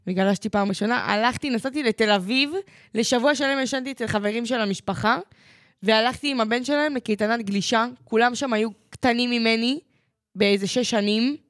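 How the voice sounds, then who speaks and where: A woman's voice: a little high, no echo, clean studio sound. A woman co-hosting a talk show, telling personal stories in a chatty, reflective way. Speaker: co-host. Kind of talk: casual chat.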